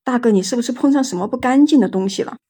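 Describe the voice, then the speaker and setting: A woman voicing a gruff, complaining male taxi driver in a told ghost story. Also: a little high, rapid-fire, dark tone, pitched above the performer's own voice. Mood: grumbling. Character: grumbling middle-aged male taxi driver.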